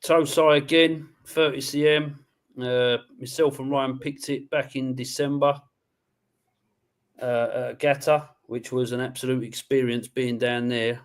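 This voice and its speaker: A man's voice: mid-range voice, level tone, clean tone. A man hosting a live koi auction stream, chatting casually and calling out time and prices. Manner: brisk, counts down bids loudly. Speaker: auction host.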